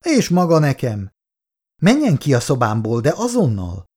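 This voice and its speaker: An indignant office woman speaks coldly and snaps back in anger, as a male reader puts her on. The voice sits a little higher than his own, with a gravelly edge and lively rises. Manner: cold and furious. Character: indignant, cold female office worker.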